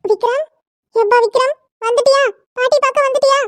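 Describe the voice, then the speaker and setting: A woman's voice: extremely high pitch, flat delivery, fast talker, pushed and bright, no echo. A woman voicing an old village grandmother in a cartoon drama, calling out fondly to her grandson.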